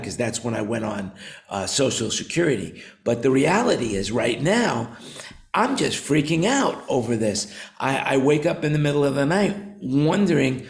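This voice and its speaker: A man in his seventies hosting a casual roundtable talk, rambling with many repeated words and fillers. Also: mid-range voice. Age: 70s. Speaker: show host, company founder.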